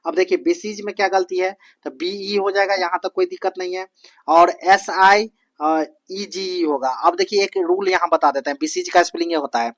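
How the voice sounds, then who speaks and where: Teacher, spells words letter by letter, repetitive drilling, rhetorical questions, mid pitch, dry close recording. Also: a bit bright, no echo. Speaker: exam coaching teacher. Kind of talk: spoken lecture on spelling.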